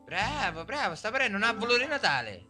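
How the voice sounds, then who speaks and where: A man's voice: sits high, big pitch swings, a little fast, over loud music. A man with a Sicilian accent playing a fussy, arrogant yoga instructor in a comic game dub. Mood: soothing, bossy.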